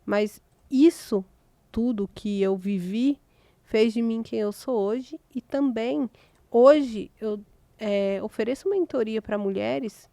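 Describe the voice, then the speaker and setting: A Brazilian woman who is a writer and mentor hosts a podcast, speaking earnestly and motivationally in casual conversation with a Brazilian Portuguese accent. Her voice is on the high side, creaky and dark-toned, with no echo.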